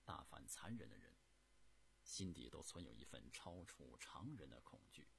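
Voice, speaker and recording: Deep gravelly man telling a dramatic tale. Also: sing-song, moderate pace, slight background noise. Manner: theatrical, swings from loud bursts to hushed whispers. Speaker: storyteller. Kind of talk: dramatic historical storytelling.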